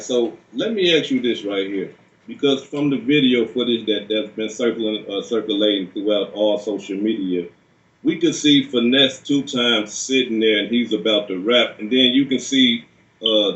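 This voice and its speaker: A man's voice: medium pitch, normal speed, fairly bright tone. A man conducting an informal interview with probing, clarifying questions. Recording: distant, echoey, muffled room sound.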